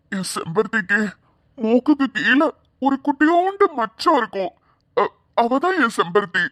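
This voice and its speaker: A woman's voice: a little high, a bit bright, no echo, clean studio sound, pitched below the performer's own voice, exaggerated voice. A woman voicing a jolly, talkative old village man in a cartoon, with a teasing, chatty manner. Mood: playful. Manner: teasing, chatty, quick to laugh. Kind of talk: cartoon voice acting.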